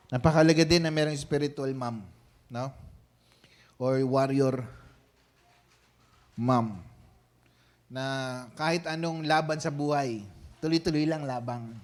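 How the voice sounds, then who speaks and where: Man, Filipino accent, pastor preaching, chatty, checks in with listeners often, mid-pitched voice. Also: slow, pauses often. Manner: conversational preaching, frequent tag questions. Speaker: senior pastor. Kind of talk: sermon.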